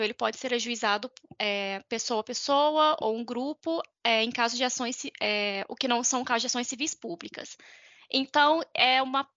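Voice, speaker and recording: A woman with a Brazilian Portuguese accent speaks in a fairly high, bright and forceful voice as a podcast panelist explaining law informally. She hesitates and corrects herself as she goes, and the recording is dull lo-fi with a dry, close sound and no room echo.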